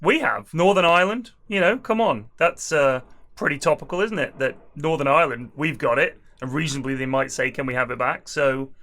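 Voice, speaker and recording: A man's voice: fairly high pitch, brisk, fairly bright tone. A British man co-hosting a podcast, chatting and reading listener emails aloud. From Britain.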